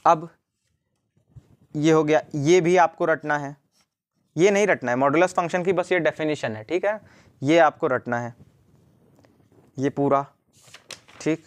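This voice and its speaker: A man's voice: on the high side, unhurried, pauses often. A young man tutoring students through their notes in a casual mix of Hindi and English, often saying "ठीक". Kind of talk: screen-recorded study lesson.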